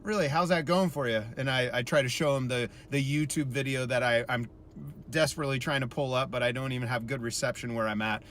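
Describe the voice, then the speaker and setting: A man in his thirties telling a self-deprecating story in a casual vlog, chatty and animated when he quotes people. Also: mid-range voice, fast talker, a little hiss or hum. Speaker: musician vlogger.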